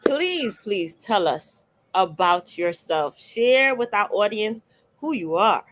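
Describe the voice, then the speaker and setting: A woman's voice: medium pitch, sing-song, takes it slowly, noisy background. A woman hosting a casual radio talk show, enthusiastic and full of praise for her guest. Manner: enthusiastic, bragging about the guest. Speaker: host.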